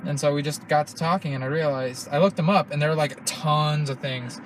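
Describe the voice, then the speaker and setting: A man's voice: a little high, fairly even intonation, a little fast, a little hiss or hum, low-quality recording. Young man, rambling and profane. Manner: rambling, profane, restarts often. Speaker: podcast host. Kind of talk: casual podcast chat.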